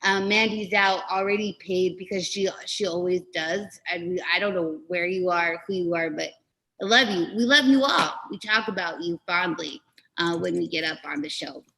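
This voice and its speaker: Rambling deadpan woman comic host. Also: fairly low pitch, moderate pace, vocal fry, rough recording. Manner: rambling deadpan storytelling with fillers. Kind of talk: stand-up comedy bit then hosting.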